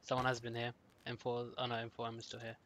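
A man's voice: mid-range voice, monotone, fast, fairly bright tone. A man chatting casually while playing a game, muttering to himself as he loots. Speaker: player.

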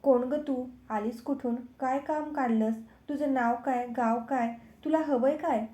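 A woman's voice: high voice, steady tone, a little slow, warm tone. A woman voicing a fretful palace maid. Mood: questioning. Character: young palace maid, fussy then humble.

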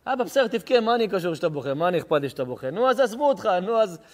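A man's voice: very high voice, lively intonation, a bit bright. A man voicing a careless son who brushes off his grieving father. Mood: flippant. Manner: dismissive, flippant. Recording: reverberant hall.

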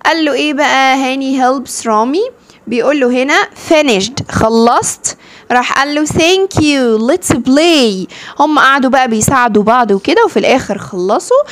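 A woman teacher with an Egyptian Arabic accent explains English phrases to second-grade pupils, saying each phrase slowly and then explaining it in Arabic. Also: sits high. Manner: slow, drawn-out English model phrases.

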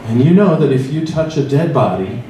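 A middle-aged priest with a medium pitch and a Midwestern American accent addresses a church forum directly, guiding a meditation and interactive discussion through slow, reflective second-person storytelling. Heard from far across a large hall with tables of people, via a handheld mic, his voice echoes strongly while steady room noise hums below.

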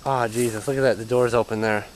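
A man's voice: medium pitch, fairly even intonation, fast talker, a little hiss or hum, low-quality recording. Uneasy young man, handheld outdoor vlog. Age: young adult. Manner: uneasy, hesitant, trailing off and muttering to himself. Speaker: urban explorer vlogger. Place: outdoors in an overgrown yard. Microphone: handheld camera.

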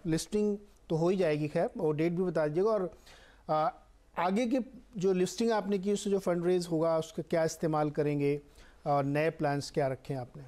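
Male news anchor, high mellow voice, studio interview host. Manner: measured questions with drawn-out fillers. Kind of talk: TV business interview.

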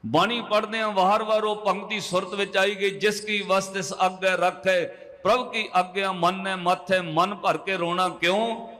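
A male preacher with a high, bright voice tells a devotional story to a congregation. He slows to chant scripture lines between the narration. His voice rings out with a long reverb, as in a large hall. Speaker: Sikh preacher. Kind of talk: katha sermon storytelling.

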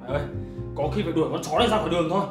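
Casting: actress playing a rough, scheming young man, low quick voice, loud music in a roomy set. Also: close to an everyday voice. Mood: threatening. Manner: rough, threatening, smooth-talking to the rich guest. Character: greedy bullying young husband. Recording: roomy echo, music behind.

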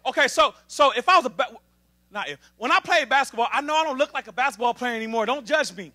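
A young man preaches in a church with a very high, bright voice. His delivery is animated and lively, full of playful call-and-response with the congregation. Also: fast talker. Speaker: assistant minister. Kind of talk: lively sermon. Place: church sanctuary.

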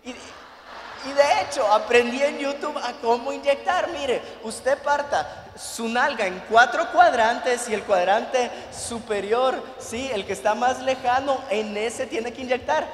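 A man preaching at a youth conference, telling a personal story with animated, loud bursts of emphasis. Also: very high-pitched, a little slow, slight background noise. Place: large church hall. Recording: echoey hall from afar.

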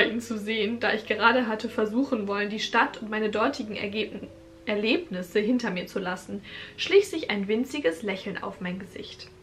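A woman's voice: mid-range voice, fairly bright tone. A young woman reading her own teenage crime story aloud and breaking off for sarcastic comments on the writing. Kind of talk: reading aloud with joking asides.

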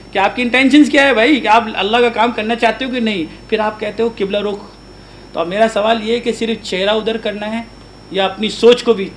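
A man's voice: high-pitched, fairly bright tone, rough recording. A man giving a religious lecture as a Quran teacher. He keeps asking his audience questions and mixes English words into his talk. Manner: asks the audience frequent questions; chants prayer verses aloud.

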